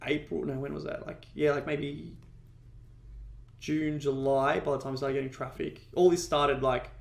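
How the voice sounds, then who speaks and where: A man's voice: a little high, little pitch movement, normal speed, vocal fry, roomy sound. Rambling man telling business stories. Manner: rambling, heavy "like" fillers, frequent swearing. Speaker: podcast guest, ecommerce entrepreneur. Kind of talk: casual storytelling interview.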